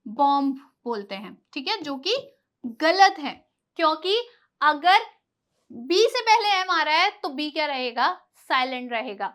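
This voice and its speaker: A woman with a very high, bright, sharp voice teaches a lesson. She asks her own questions and answers them right away, repeating each example word slowly for the class.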